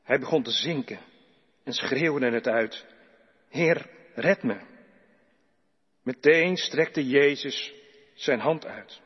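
A man reading Bible passages aloud in a slow, measured, solemn way in church. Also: mid-range voice, husky. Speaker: scripture reader. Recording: echoey church hall, dull lo-fi sound.

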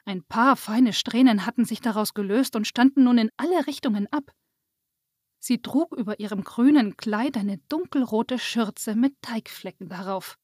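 A woman reading a children's Christmas story aloud in a calm, clear storytelling manner. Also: fairly high pitch, moderate pace, dry recording, studio quality.

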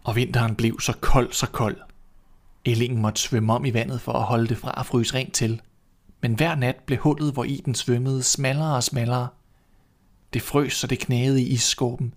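A man narrating a storybook in a calm, measured, expressive reading. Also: mid-range voice.

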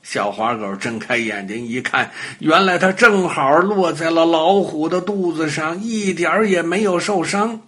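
An older man telling a children's bedtime story to little listeners, animated and expressive, acting out sound effects as he goes. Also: on the high side, unhurried, few pauses, husky.

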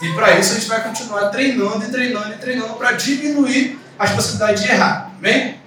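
High-voiced young man preaching in an echoey room. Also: a little fast, far from the mic, slight background noise. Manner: animated storytelling, repeats words for emphasis. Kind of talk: sermon teaching.

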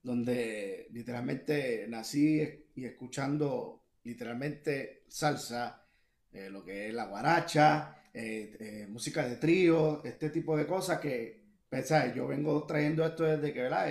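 A man's voice: medium pitch, a little slow, vocal fry, darkish tone. A young Puerto Rican man chats as a guest musician over a video call. He rambles, filling his talk with fillers and restarts. His voice sits mid-range and sounds echoey, as if from a bare room. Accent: Puerto Rican Spanish. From Puerto Rico. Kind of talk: casual interview talk.

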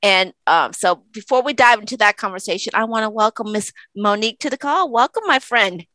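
A woman's voice: mid-range voice, expressive, a little fast, pushed and bright, dry recording. A woman hosting an interview podcast, talking in a friendly, loose way with some fillers, on a video call. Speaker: podcast host. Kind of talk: casual interview chat.

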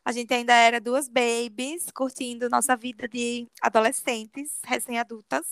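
A woman telling a personal story to a friend in a confiding, animated way. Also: on the high side, moderate pace, smooth, no echo, studio quality. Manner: animated confiding storyteller, often says "amiga". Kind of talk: casual storytelling chat.

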